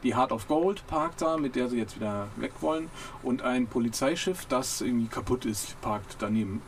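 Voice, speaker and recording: A man's voice: mid-range voice, moderate pace, slight background noise. A man hosting a casual book discussion, chatty and rambling, full of fillers and restarts. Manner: chatty, with many fillers and self-corrections. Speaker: podcast host.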